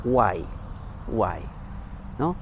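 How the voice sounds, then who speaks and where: A man's voice: on the low side, sing-song, slight background noise. A man, a spiritual teacher giving a short spoken reflection in an emphatic, thoughtful way. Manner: emphatic, reflective, slows down to list words. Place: outdoors, facing a mountain.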